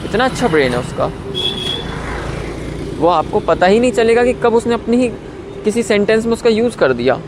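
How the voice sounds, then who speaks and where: Wry young man over street traffic. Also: sing-song. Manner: wry and self-mocking, sliding into slow, lower, drawn-out English. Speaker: YouTuber. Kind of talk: casual rambling vlog monologue. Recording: clear traffic noise behind.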